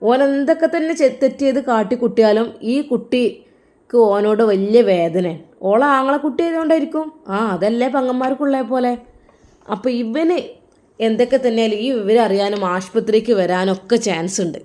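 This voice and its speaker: A woman's voice: on the high side, expressive, a little mellow, lightly acted. A woman as a grave warning mother-in-law. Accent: Malappuram Malayalam. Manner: measured, serious, warning. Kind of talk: audio drama role-play.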